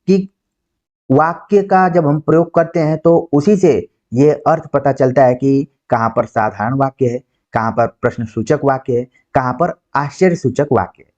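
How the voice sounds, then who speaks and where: A man teaching an exam-prep Hindi lesson who explains slowly, acts out example words and keeps checking with "ठीक है". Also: fairly high pitch, darkish tone. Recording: dull lo-fi sound.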